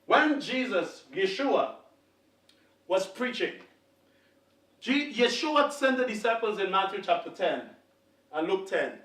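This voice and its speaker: A man preaching a fervent sermon to a congregation, swinging between quiet talk and shouting. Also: sits high, lively intonation, takes it slowly, long pauses. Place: congregation hall. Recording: echoey hall, distant mic.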